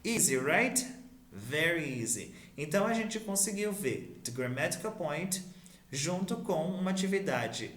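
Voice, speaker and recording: Brazilian male English teacher, measured delivery, slightly raised pitch, roomy echo. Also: big pitch swings, fairly bright tone. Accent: Brazilian Portuguese. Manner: slow, patient explaining with modeled English phrases. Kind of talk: recorded English lesson.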